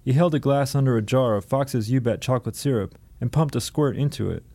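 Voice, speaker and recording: Male author-narrator, steady, mid-pitched, radio book reading. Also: brisk, vocal fry. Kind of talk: audiobook narration.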